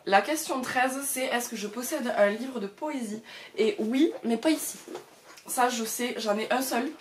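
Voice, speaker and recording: A woman's voice: a little high, a little slow, a little hiss or hum. A woman chatting casually to the camera about her books at home, with lots of hesitations and fillers. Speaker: book vlogger.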